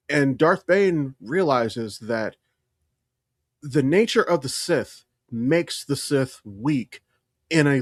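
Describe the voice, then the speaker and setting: A podcast co-host talks casually and emphatically, explaining things like an opinionated, enthusiastic fan. His mid-range voice is recorded at studio quality with no echo.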